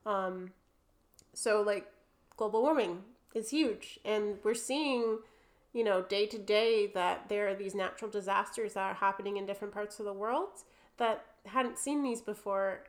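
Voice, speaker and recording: A woman's voice: medium pitch, unhurried. Chatty young woman, New Jersey accent. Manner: chatty, full of fillers, laughs easily. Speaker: artist guest. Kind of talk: casual podcast conversation.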